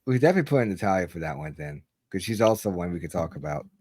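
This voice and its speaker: A man's voice: low-pitched, sing-song, racing, a little mellow, slightly rough, no echo, clean studio sound. A man co-hosting a wrestling podcast in casual chat, joking, laughing often and thinking aloud. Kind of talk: casual chat on a live stream.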